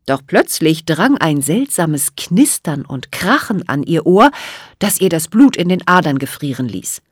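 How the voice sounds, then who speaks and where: A woman's voice: deep voice, big pitch swings, unhurried, slightly rough, dry recording. A woman reads a children's fairy tale aloud with dramatic, vivid storytelling. Her voice swoops up and down a lot, and the recording is close and dry with no room sound. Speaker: audiobook narrator. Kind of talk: expressive children's story reading.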